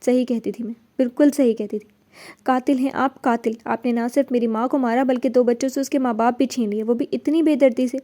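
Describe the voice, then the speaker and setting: A woman's voice: on the high side, fairly even intonation, dark tone, close to an everyday voice. A woman reading a story aloud, voicing a young wife crying out her pain and her accusations. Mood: distraught. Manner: distraught, accusing. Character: young wife, shattered by betrayal.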